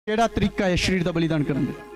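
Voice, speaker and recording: A man's voice: high-pitched, fast. A man preaching in a Punjabi accent as pastor, urging the congregation to answer aloud and mixing in English words. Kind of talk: call-and-response sermon. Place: church hall. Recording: music playing clearly behind.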